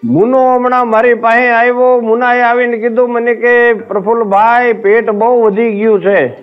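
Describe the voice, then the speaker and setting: High-pitched guy telling rambling jokes, thin phone-ish sound, faint music under it. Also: little pitch movement, moderate pace, clear, resonant tone. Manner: rambling storyteller, acting out his friend's lines. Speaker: stand-up comedian. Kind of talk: Gujarati folk joke telling to a live audience. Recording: tinny phone-like stage recording with faint music.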